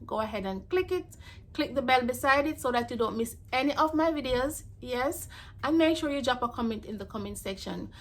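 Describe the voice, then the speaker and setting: A woman hosts her own home vlog, chatting casually to the camera and calling her viewers "guys" while setting up a brunch at home. Her voice is on the high side and a bit bright.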